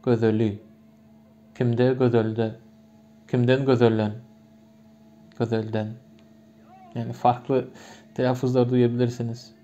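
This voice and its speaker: A man's voice: medium pitch, flat delivery, measured pace, pauses often, warm tone. A man from Turkmenistan with a Turkmen accent, a native Turkmen speaker, patiently explaining grammar with many repeated examples in a lesson. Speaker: language teacher. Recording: muffled lo-fi recording.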